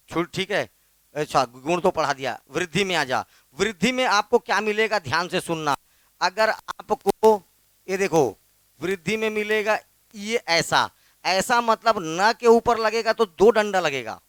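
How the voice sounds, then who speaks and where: A man's voice: sits high, a bit bright, clean tone, no room sound. A male teacher with a Chhattisgarhi Hindi accent giving a classroom grammar lesson, drilling students by asking and repeating the answers. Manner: repetitive, drills students with questions.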